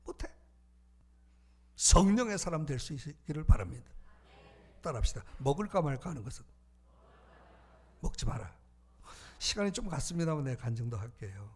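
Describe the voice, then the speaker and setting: A male pastor delivers an animated sermon, his voice sitting a little high for a man and swinging widely in pitch. He moves from loud, rousing calls to quiet, almost whispered asides. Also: brisk, long pauses, husky.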